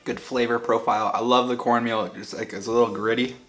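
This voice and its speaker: A man's voice: mid-range voice, level tone, fast talker, fairly bright tone, soft background music. Man talking through a mouthful of food. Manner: rambling, offhand and candid. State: mouth full, talking while chewing. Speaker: food reviewer vlogger. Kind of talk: casual food review vlog.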